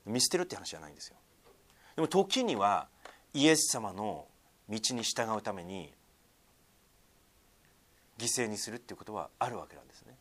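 A man's voice: moderate pace, long pauses. A man preaching a sermon to a congregation, with frequent fillers, sometimes calling on listeners directly. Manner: lively swings in pitch and loudness, many fillers, asks congregation. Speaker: pastor.

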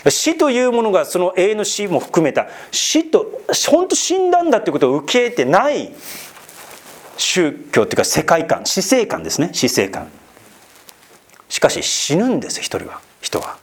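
A man's voice: high-pitched, normal speed. A man preaching an expository Bible sermon, talking to his listeners with questions and asides. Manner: lively, rising and falling delivery with asides to listeners. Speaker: pastor.

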